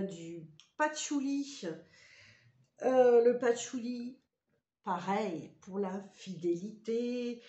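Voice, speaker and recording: A woman's voice: medium pitch, warm tone, lo-fi sound. A woman giving a casual spoken tutorial in a chatty, hesitant way, with frequent fillers. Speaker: ritual practice vlogger. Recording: roomy echoey room.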